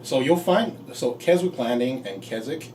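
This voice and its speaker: A man being interviewed as a home builder, talking in a relaxed, halting way with fillers. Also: mid-range voice, recorded from a distance, slight background noise, poor audio. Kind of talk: casual interview.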